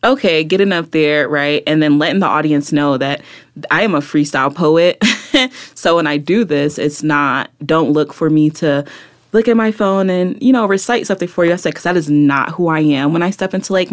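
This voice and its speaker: A young woman poet talking casually as an interview guest, relaxed and full of "like" and "kinda" fillers. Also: sits low, moderate pace. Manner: relaxed, many fillers like "kinda" and "like", laughs easily. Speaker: guest, poet and social worker.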